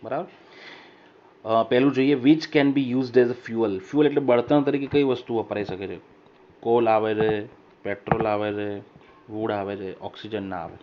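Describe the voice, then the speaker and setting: A male teacher giving an English vocabulary lesson, reading each example sentence slowly and louder, then explaining it and checking that students follow. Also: on the low side, fairly even intonation. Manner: keeps checking understanding with short questions. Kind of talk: recorded classroom lesson. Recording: dull lo-fi voice recorder with faint hiss.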